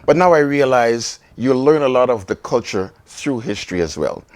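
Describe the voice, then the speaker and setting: A man's voice: mid-range voice, lively intonation, moderate pace, a little mellow, no echo. A man from Trinidad and Tobago, a bookstore owner, answering interview questions in an earnest, grateful way. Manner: earnest, grateful, speaks in short flowing phrases. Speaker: bookstore owner, award recipient.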